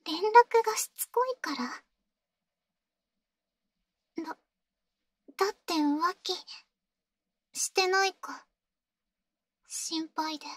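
Very high-voiced, sweetly obsessive clingy girlfriend, ASMR role-play. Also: expressive, a bit bright, exaggerated voice. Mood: anxious, self-loathing. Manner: sweet, eerily obsessive, pleading, halting. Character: clingy, insecure, obsessive yandere girlfriend, young woman. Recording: close, dry ASMR audio.

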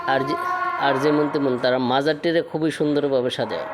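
A man's voice: mid-range voice, fairly even intonation, normal speed, heavy background noise. A man presenting a vlog, guiding viewers around a shrine and explaining what they see. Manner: addresses viewers directly, explanatory. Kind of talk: guided tour narration.

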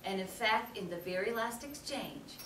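A woman's voice: mid-range voice, normal speed. Woman lecturing in an echoey hall. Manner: animated, checks in with the audience by asking "okay?". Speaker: guest speaker. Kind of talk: storytelling lecture. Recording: echoey hall, distant mic, background noise.

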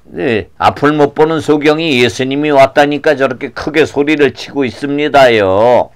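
Pastor putting on a deferential, fussy follower for a kids' puppet show. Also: male voice, medium pitch, normal speed, smooth, lightly acted. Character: deferential male disciple, fussy and busy.

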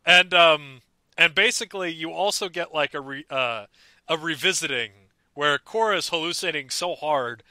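An excitable young man co-hosts a casual podcast chat. His voice is very bright and a touch high. The sound is dry and close. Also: no room sound. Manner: excitable, quick to do mock voices. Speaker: podcast co-host. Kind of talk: casual chat about a cartoon.

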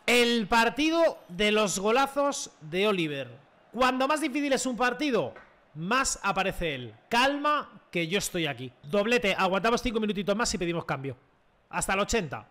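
A young man commentating his own football video game play in a casual, slangy way, shouting when he scores. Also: high voice. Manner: excitable, slangy, shouts at goals. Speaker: gaming youtuber. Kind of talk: live gameplay commentary.

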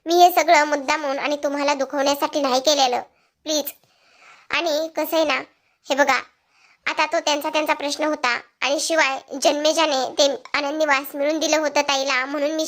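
A woman's voice: high-pitched, fairly bright tone. A woman voicing a young wife who pleads and apologizes to her husband.

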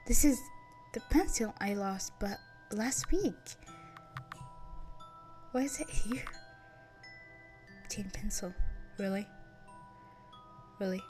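A woman's voice: mid-range voice, expressive, slow, long pauses, mellow, faint music behind. A young woman streaming a game, reading its dialogue aloud and chatting playfully, laughing at herself.

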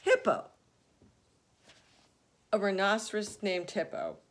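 A woman's voice: fairly high pitch, unhurried, voice pushed up, close to an everyday voice. A woman voicing a small, shy, polite young male porcupine in a storybook. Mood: laughing. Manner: polite and timid, later giggling.

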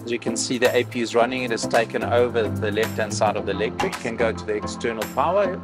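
A man explaining a cockpit preparation as a pilot instructor, calmly going through each check in a cockpit. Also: mid-range voice, fast talker, over loud music, rough recording. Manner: calm, explains each step plainly. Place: aircraft cockpit.

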